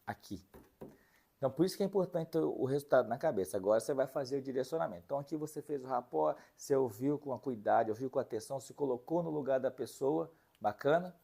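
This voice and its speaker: A man leads an online leadership lesson at a middling pitch. His voice is mellow and a little husky. He breaks the ideas into short steps, checks in with the listener and acts out sample conversations. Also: animated, fast talker. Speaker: leadership course instructor.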